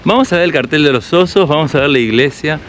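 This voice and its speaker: Crowd noise surrounds an Argentine travel vlogger as he walks outdoors in a mountain village, casually reading signs aloud and explaining them. His slightly high voice is animated and quick.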